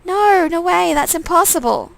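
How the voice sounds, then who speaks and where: A woman's voice: high-pitched, very animated, a little fast, fairly bright tone, no echo, voice pushed up. A woman playing an alarmed young heroine. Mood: shocked. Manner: alarmed, pleading. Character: frightened young woman, the player character.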